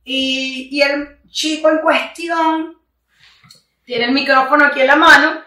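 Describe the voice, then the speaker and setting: A high-voiced woman with a Venezuelan accent chats in an animated way. She tells her story with plenty of laughter. Her voice has a bright, crisp edge, and it sits away from the mic in an echoey room. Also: unhurried, distant mic. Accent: Venezuelan Spanish. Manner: lively, laughs often, acts out quotes. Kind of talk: casual chat, animated storytelling.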